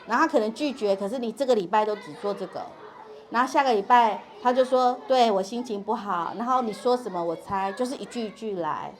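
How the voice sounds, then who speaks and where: Lively woman lecturing parents. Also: fast talker. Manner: animated, acts out quoted dialogue in a higher voice. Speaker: parenting workshop speaker.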